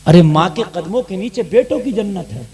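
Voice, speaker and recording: A male Islamic preacher, delivering a fiery sermon to a crowd, swinging from soft asides to shouted appeals. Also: sits high, animated, a little fast.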